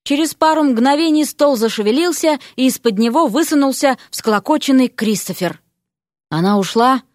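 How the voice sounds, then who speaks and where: A woman narrating an audiobook in an expressive, animated way. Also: high voice, moderate pace, no echo, studio quality.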